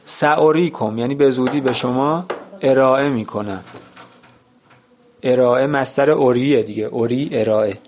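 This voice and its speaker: A man's voice: medium pitch, darkish tone, a little hiss or hum. Man teaching word meanings, muffled audio. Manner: explains word meanings, asks and answers his own questions. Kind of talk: vocabulary lesson.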